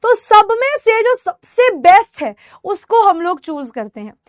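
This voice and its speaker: Very high-voiced woman teaching an online class. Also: big pitch swings, dry recording, studio quality. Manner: patient, addresses students as "beta"; slows down and stresses example words. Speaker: English teacher. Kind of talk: live online class, Hindi-English mix.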